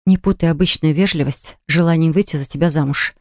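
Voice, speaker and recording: A woman's voice: low voice, quick pace, no room sound, studio quality. A woman voicing a stern young mother who answers curtly and coldly in an audiobook. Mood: indignant. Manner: curt, stern, clipped. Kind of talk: audiobook dialogue.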